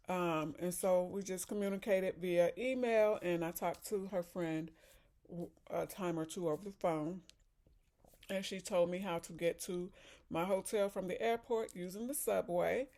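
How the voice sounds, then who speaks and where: A woman's voice: on the low side, measured pace, mellow. A woman from Chicago chatting casually in a vlog, talking while eating and sipping a drink. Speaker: vlogger. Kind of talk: casual chat.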